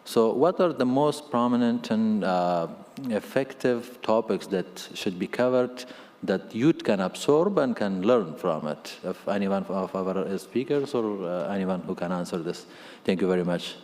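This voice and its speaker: A man from Afghanistan asking a question from the floor of a large conference hall, halting with many fillers and restarts. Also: fairly low pitch, expressive, darkish tone. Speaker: audience member asking a question. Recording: long hall reverb.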